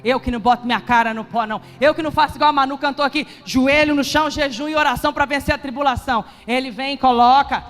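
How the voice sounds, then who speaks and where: A woman pastor preaching a sermon with passion, rising to shouts at its peaks. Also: high voice, fast talker, hardly any pauses. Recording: echoey church hall with music behind.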